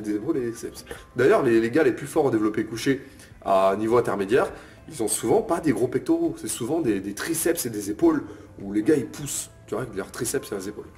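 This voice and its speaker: In an informal lesson to camera, a young fitness coach breaks down bodybuilding methods, often saying "euh" and checking in with "ok?" while addressing the viewer as tu. He has a medium-pitched, slightly mellow voice.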